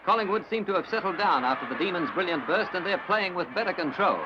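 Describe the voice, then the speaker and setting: An old newsreel commentary voice, a man narrating a football match in brisk, formal announcer tones. His voice sits high and bright. The sound is muffled and lo-fi, with a clear hiss running under it. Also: lively intonation. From Australia. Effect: old newsreel recording.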